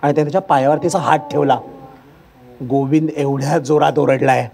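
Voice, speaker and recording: Fast, high-voiced male stand-up comic. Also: creaky. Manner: animated, acts out characters' lines. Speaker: stand-up comedian. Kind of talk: stand-up storytelling. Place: stage before a live audience.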